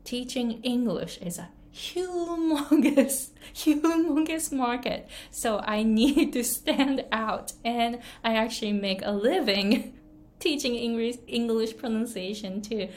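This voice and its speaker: Woman coach, talks slow and earnest, keeps rephrasing herself. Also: a little high, a little mellow. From Japan. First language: Japanese. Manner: earnest, repeats and restates phrases, light laughs. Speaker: English pronunciation coach. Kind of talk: casual talk to camera.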